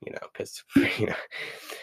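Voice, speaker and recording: A man's voice: a little slow, no echo. Man, young adult, podcast host, rambling casual talk, reads from a book, deadened dry sound. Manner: rambling, many fillers, reads passages from a book. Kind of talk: casual solo podcast about an album.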